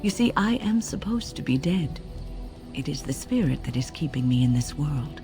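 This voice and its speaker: Over music, a low-pitched female voice with big swings in pitch plays a composed, wise mage in a video game. The older actress keeps the mood grave and reflective, delivering dramatic dialogue as measured, formal storytelling.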